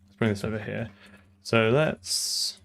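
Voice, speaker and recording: A man's voice: on the low side, a little slow, creaky, fairly bright tone. A man live-streaming his programming, talking through code and answering chat, often trailing off and repeating words.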